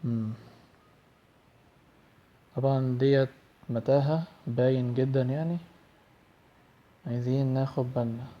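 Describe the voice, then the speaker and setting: Jumpy Egyptian gamer, dark dull voice. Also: male voice, mid-range voice, steady tone, unhurried, long pauses. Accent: Egyptian Arabic. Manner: jittery, screams and prays when startled. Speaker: gaming youtuber. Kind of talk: horror game let's play commentary.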